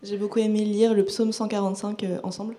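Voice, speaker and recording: Mellow, even-toned woman interpreting. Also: mid-range voice, fast. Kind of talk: consecutive interpreting, informal.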